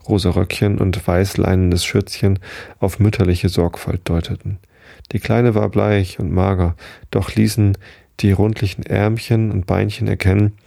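A man reading a story aloud in steady, measured audiobook narration. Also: low voice, creaky, no room sound, studio quality.

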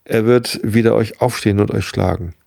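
A man's voice: lowish voice, steady tone, normal speed, vocal fry, a little mellow, dry recording, clean studio sound. A man reading the part of a smug, vain rich young man. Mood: sanctimonious. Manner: smug, self-satisfied, sanctimonious.

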